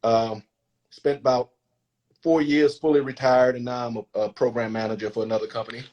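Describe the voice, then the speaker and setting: A man's voice: mid-range voice, fairly even intonation, brisk, a little mellow, muffled recording. A man in his fifties from New Orleans, a guest in a casual interview, easygoing and joking.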